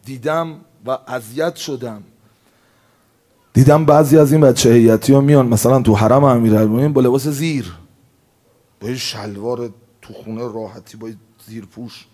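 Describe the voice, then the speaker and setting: A man delivers a religious sermon with fervent passion. His pitch sits mid-range, and he swings from hushed, slowed storytelling to loud, emphatic outbursts. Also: steady tone. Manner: impassioned, rises to emphatic outbursts then drops low. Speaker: preacher.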